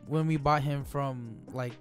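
A man in his late twenties co-hosting a casual Q&A video with his partner, talking in a relaxed, joking way with lots of fillers. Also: medium pitch, measured pace, soft background music. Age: 20s. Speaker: co-host of a couple's channel. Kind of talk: casual Q&A chat. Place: small home studio room. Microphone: studio microphone on a stand, close.

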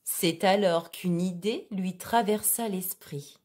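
A woman reading a children's storybook aloud in a clear, expressive way. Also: lowish voice, slow.

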